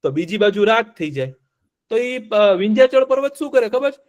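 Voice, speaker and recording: A man's voice: high voice, sing-song, normal speed. A man telling a story to children as a teacher, asking them questions and repeating the answers playfully. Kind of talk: interactive storytelling lesson for children.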